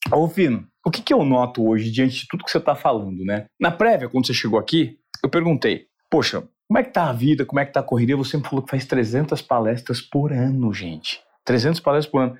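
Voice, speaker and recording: A man's voice: mid-range voice, expressive, fast talker, few pauses, slightly rough. A Brazilian man hosting an interview, talking in an enthusiastic, emphatic way. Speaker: interview host. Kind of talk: talk show interview with a sponsor read.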